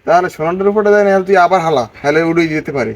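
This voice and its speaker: A man's voice: on the high side, expressive, rapid-fire, close to an everyday voice. A man playing a sly, mocking village troublemaker who speaks. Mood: teasing.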